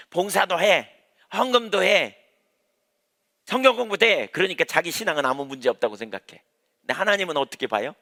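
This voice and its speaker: At an evening prayer service, a church's pastor preaches his sermon emphatically, repeating key phrases and posing rhetorical questions. His voice is a little high with a sharp tone, and the church hall is reverberant.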